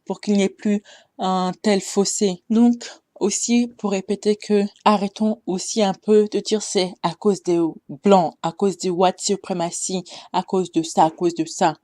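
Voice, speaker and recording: A woman's voice: mid-range voice, fairly even intonation, unhurried, mellow, no room sound. A young woman giving a casual storytime monologue, exhorting her listeners with passion and many hesitations. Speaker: storyteller addressing her audience.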